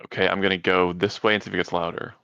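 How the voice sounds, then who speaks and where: A man's voice: low-pitched, flat delivery, racing, creaky, a bit bright, clean tone, no room sound, lo-fi sound. A man talking casually as a player describing his moves in a tabletop game.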